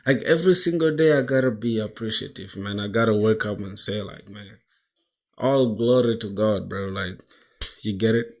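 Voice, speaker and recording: Fairly low-pitched and at normal speed, this is a man in his twenties from South Sudan streaming his coding work in hopes of landing a job. His talk is casual and full of slang, with "bro" nearly every line, laughter, and chat messages read aloud.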